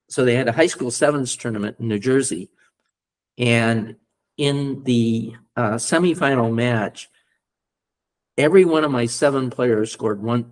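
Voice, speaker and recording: A man's voice: medium pitch, a little mellow. An older American man in his seventies recounting stories in a casual interview, rambling with many fillers and restarts, and chuckling as he recalls things. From United States. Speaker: podcast guest, former rugby player and coach.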